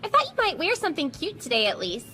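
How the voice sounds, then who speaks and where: A very high, bubbly anime girl. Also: quick pace, heavily acted. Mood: teasing doubt. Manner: gushing, expressive. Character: bubbly, girlish, affectionate well-off teenage daughter. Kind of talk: English anime dub acting. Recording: music behind the voice.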